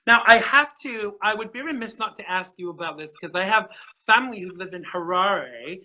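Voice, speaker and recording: A man hosting an interview show, rambling and self-deprecating with many halting fillers. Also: sits high, expressive, sharp tone, low-quality recording. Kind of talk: casual interview chat.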